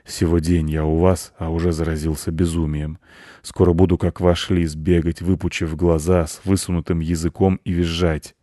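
A man doing a weary, low grumbling wolf. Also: level tone, normal speed, dark tone, no room sound, clean studio sound, lightly acted. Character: gloomy, grumbling male wolf. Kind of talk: audiobook character voice.

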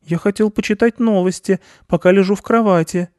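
A man's voice: high-pitched, steady tone, fairly quick, darkish tone, dry recording, clean studio sound, voice pushed up, lightly acted. A man voicing a stubborn young boy who whines and protests in a storybook reading. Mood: protesting. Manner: whiny and protesting. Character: young boy hooked on his phone, stubborn.

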